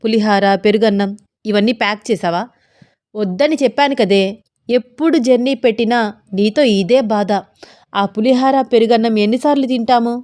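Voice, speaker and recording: A woman's voice: on the high side, moderate pace, a little mellow, lightly acted. A woman voicing a playful, amorous young husband who teases his wife. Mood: mock scolding. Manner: coaxing, teasing.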